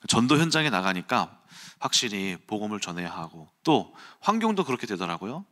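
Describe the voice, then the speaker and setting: A man preaching an early-morning sermon, telling a personal story in an animated way and acting out quotes and sounds. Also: on the low side, a little fast.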